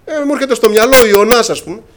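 A man preaching a sermon to his congregation, impassioned, often calling them brothers and acting out scripture dialogue. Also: extremely high pitch.

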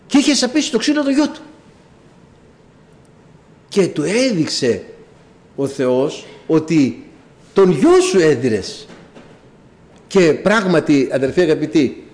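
A man preaching a sermon, telling a story with low asides and sudden high cries. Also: a little mellow.

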